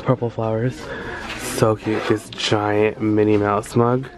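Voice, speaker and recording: Here the man's voice sits on the low side and he takes his time. Filming a handheld vlog in a thrift-store aisle, he narrates casually, talking to himself and getting excited as he gushes over each find.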